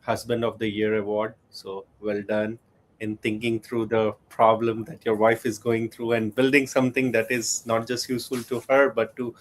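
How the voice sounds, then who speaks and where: A man on a remote panel, friendly and encouraging, praising the pitch and thinking aloud as he asks his question. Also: completely flat delivery, moderate pace, a little hiss or hum, poor audio. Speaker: panelist judge. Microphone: video call.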